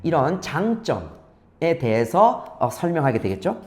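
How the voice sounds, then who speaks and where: A male English tutor whose native tongue is Korean gives a lecture in a fairly high, animated voice. He reads each model English sentence slowly and carefully, then explains it quickly.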